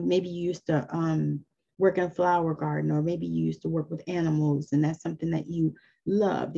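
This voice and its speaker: A husky, mellow-toned woman in her fifties teaches an informal spiritual lesson, earnest and encouraging as she chats her way through it. Her voice has a gravelly texture, and the recording sounds dull and lo-fi. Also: on the low side. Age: 50s.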